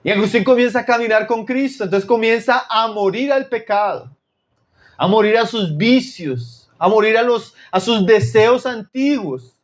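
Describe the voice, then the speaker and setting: A man from Chile preaching a sermon, addressing his listeners as brothers and dropping to low, intense tones for emphasis. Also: animated, normal speed.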